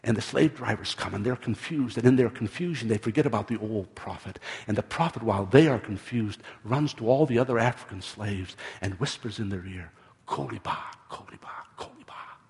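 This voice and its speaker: Preacher guy getting fired up, stretches phrases slow, echoey church. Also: lowish voice, a little mellow. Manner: impassioned, repeats words, slow emphatic phrases. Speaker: pastor. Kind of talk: sermon.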